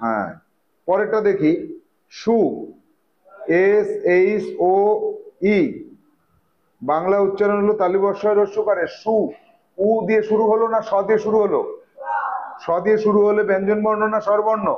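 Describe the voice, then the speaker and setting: High-voiced man teaching an online class. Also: brisk, long pauses. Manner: asks pupils questions and has them repeat words. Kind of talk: online English grammar lesson taught in Bengali. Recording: dull lo-fi sound.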